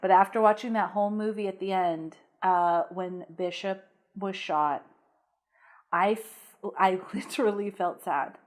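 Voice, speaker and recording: A woman co-hosting a podcast, chatting casually and retelling film scenes in an animated way. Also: mid-range voice, unhurried. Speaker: podcast co-host. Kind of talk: casual chat about a horror film.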